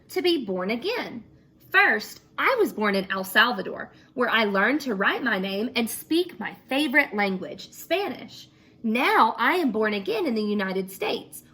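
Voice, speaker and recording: A woman teacher reading a picture book aloud to children and then asking the class questions about it. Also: a little high. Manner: expressive, asks children questions.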